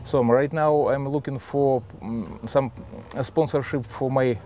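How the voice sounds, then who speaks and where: Halting Russian-accented man, deeper voice. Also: fairly even intonation, dark tone, slight background noise. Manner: halting, simple broken English with repeated words. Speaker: adventurer and sailor, interviewee. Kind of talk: casual interview, explaining. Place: on a sailboat in a marina, cockpit and cabin. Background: music.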